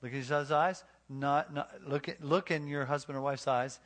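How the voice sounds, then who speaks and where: A man's voice: fairly high pitch, steady tone, normal speed, fairly bright tone. A man preaching on marriage to a live congregation. He tells folksy stories full of restarts and asks the crowd questions. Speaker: pastor.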